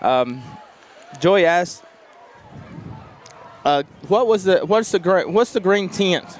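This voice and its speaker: A man giving color commentary on a local high school football broadcast, earnest and halting, with many fillers. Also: lively intonation, slight background noise.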